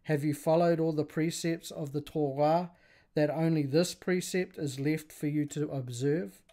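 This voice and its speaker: A man's voice: fairly high pitch, fairly even intonation, measured pace, dark tone. A man reading the lines of a grieving, defiant mother of seven sons in a story told aloud. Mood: indignant. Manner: pleading then defiant, read aloud.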